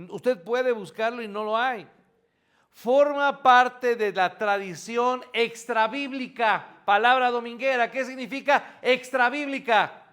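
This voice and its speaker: A man's voice: high voice, fairly bright tone. A man preaching a morning church sermon in a conversational teaching style, often asking the congregation questions and answering them himself, with homely asides.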